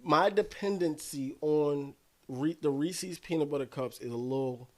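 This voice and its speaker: A man in his forties co-hosting a casual podcast chat, animated, laughing often and restarting his sentences. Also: on the high side, measured pace. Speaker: podcast co-host.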